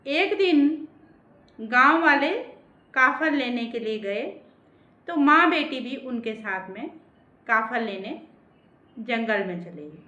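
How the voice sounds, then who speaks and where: Female storyteller, high bright voice, slow emotive folk-tale delivery, roomy slightly muffled recording. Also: expressive.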